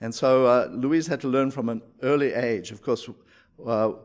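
Reflective man telling his faith story. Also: medium pitch. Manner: reflective, measured, with frequent hesitations. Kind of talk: personal testimony.

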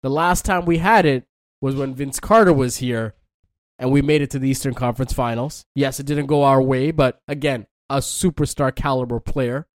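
A man's voice: medium pitch, normal speed, no echo. Upbeat man hosting a sports chat. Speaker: show host. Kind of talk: casual sports talk.

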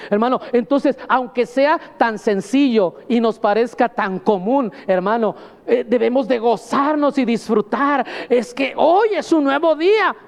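A man delivers a sermon from the pulpit, his voice riding high for a man. He is emphatic and keeps calling the congregation "brother." The sound rings with the long reverb of a church hall. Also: vocal fry. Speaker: pastor.

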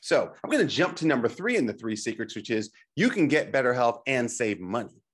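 Husky, animated man presenting like a coach. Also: medium pitch, fairly quick. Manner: emphatic, coaching, addresses listener with rhetorical questions and check-ins. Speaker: presenter and teacher on health technology. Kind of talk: motivational presentation with slides.

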